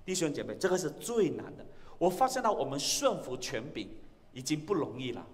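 A male pastor preaching a sermon, swinging between loud exclamations and hushed lines. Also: on the high side, very animated, fairly quick, big-room sound. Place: church sanctuary.

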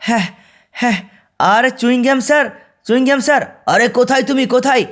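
A man's voice: extremely high pitch, brisk, a bit bright, pitched above the performer's own voice. A man doing a lazy, gum-chewing young gangster. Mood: laid-back.

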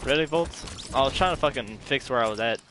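A man's voice: medium pitch, a little fast. A man chatting casually while gaming, a hyped gamer bro who talks in slang and swears. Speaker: gamer on voice chat. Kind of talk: casual gaming chat during a shooter match. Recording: noisy game audio with gunfire. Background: gunfire and clicks from video game.

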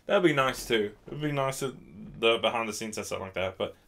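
This podcast host is a young man who's had a few drinks and rambles along casually, poking fun at himself. He speaks a little fast in a mid-range voice that is gravelly and bright, with a forceful tone.

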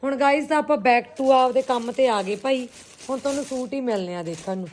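A woman with a Punjabi accent and a fairly high voice talks in a casual vlog style. She is chatty and familiar, speaking to viewers and companions alike, with clear noise in the recording. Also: brisk. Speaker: vlogger and boutique owner.

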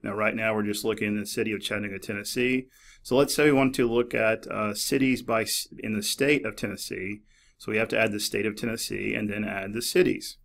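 A middle-aged man narrating a screen-recorded tutorial in a relaxed, explanatory way, with many fillers and restarts. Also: on the low side, fairly quick, creaky. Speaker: librarian demonstrating a database. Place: office.

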